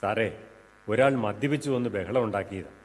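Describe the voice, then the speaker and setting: A man acting a calm, moralizing priest in an amateur stage play, with a measured, reproachful manner. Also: fairly low pitch, close to an everyday voice. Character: calm, moralizing male priest running an old-age home. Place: school stage before an audience. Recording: echoey hall stage recording.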